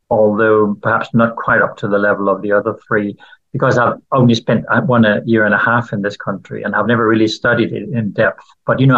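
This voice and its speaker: In lo-fi sound, a Danish man with a fairly low-pitched voice responds to interview questions about his work translating the Bible. He is from Denmark, speaks Danish natively, and comes across as thoughtful and questioning, with many fillers.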